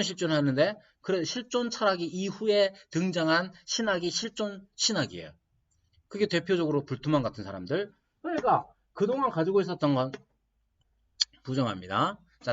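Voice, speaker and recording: A man's voice: on the high side, big pitch swings, moderate pace. A male pastor teaching a doctrine class, asking rhetorical questions and answering them, on a dull lo-fi recording. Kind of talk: church lecture.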